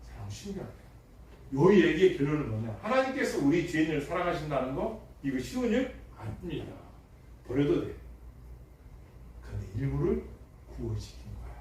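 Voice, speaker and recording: A middle-aged man preaching a sermon as pastor, emphatic and full of rhetorical questions, moving from loud bursts to hushed tones. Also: fairly high pitch, sing-song, normal speed. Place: church sanctuary. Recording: echoey hall, distant mic, faint noise.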